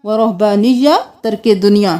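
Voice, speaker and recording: A woman teaching Quran recitation, explaining the rules briskly and then chanting the verses slowly, spelling words out syllable by syllable. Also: medium pitch, dark tone. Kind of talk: tajweed lesson with slow chanted recitation.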